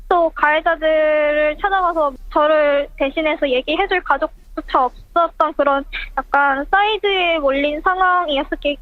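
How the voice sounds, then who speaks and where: An anonymous interviewee whose voice is pitch-shifted for disguise, speaking haltingly and with many pauses over the telephone. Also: dry recording. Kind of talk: radio phone interview. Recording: tinny phone line, dry.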